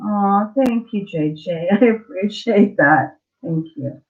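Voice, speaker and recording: A woman hosts a casual live chat, greeting viewers in a halting, apologetic way, her speech a bit thick because her mouth is swollen from dental surgery. Her pitch is medium, and the livestream audio is dull and lo-fi.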